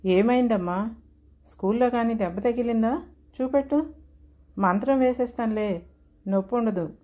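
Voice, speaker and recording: A woman's voice: fairly high pitch, moderate pace, dark tone, lightly acted. A woman voicing an older grandmother who soothes her crying grandson. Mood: soothing. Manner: soothing, coaxing.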